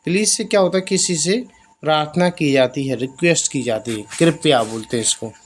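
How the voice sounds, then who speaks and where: A man teaching basic English in Hindi, explaining each example and repeating the phrases slowly. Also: a little high, a little hiss or hum. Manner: slow, drawn-out repetition of example phrases.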